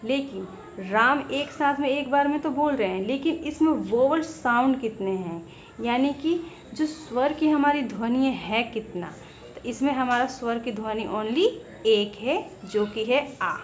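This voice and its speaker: A woman teaches in an unhurried way, breaking words apart sound by sound. Her voice sits high. The recording is dull and lo-fi, with a faint hiss behind her. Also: animated. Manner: patient, spells out sounds and self-corrects. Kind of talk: explaining to students.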